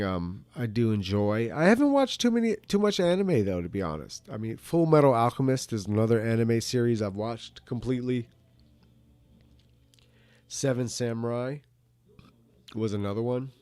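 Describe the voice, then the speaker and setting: A middle-aged man in a casual, rambling monologue as a video host, halting and repeating words, with some casual swearing. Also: mid-range voice, darkish tone, dry recording. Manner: casually foul-mouthed. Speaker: video host answering viewer questions.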